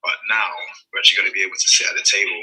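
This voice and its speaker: A man's voice: low voice, level tone, racing, sharp tone, husky, poor audio. A man answering an interview, earnest and stumbling over his words. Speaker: party member interviewed.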